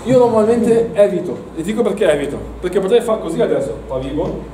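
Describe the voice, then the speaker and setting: A man teaches an Arabic class, encouraging his students and repeating words in a high, animated, warm voice at a quick pace. The mic sits far off across an echoey classroom, with slight background noise.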